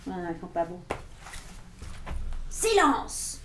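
A woman reading a picture book aloud to children in an animated way, with playful asides to her listeners. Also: a little high, takes it slowly. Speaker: storyteller. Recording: echoey room, faint noise.

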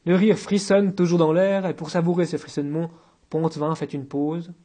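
Homme à la voix haute et voilée. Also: male voice, a little high, little pitch movement, moderate pace, warm tone, husky. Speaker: narrator. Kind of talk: audiobook narration.

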